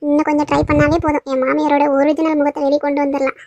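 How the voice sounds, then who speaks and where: A woman's voice: high voice, monotone, racing, a little mellow. A woman voicing a wry young daughter-in-law in a cartoon, muttering sarcastic asides. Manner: sarcastic inner monologue. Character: put-upon daughter-in-law, wry and scheming.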